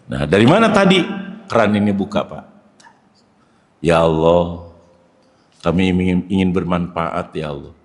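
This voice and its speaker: A man preaching a sermon in a mosque, animated, swinging between sharp stressed words and low murmured prayers. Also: brisk, long reverb tail. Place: mosque hall.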